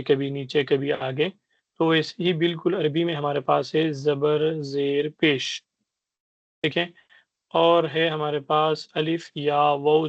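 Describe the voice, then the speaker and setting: A man teaching a beginners' Arabic class, explaining patiently and sounding out letters and vowels slowly. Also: on the high side, dry recording, dull audio. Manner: patient explaining, repeats "ٹھیک ہے" to check understanding. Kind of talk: online language lesson.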